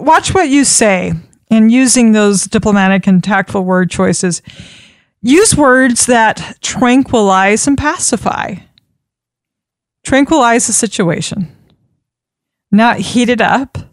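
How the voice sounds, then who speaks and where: Woman trainer, instructional delivery, measured and repetitive, smooth, dry close mic. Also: medium pitch, no room sound. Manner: measured, repeats key points for emphasis. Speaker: communication trainer. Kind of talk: instructional talk.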